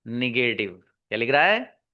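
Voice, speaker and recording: A man teaching English grammar in an online lesson, slowly repeating key words and answering his own questions for his students. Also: medium pitch, sing-song, dull audio. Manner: calls listeners "babu" and "my friend".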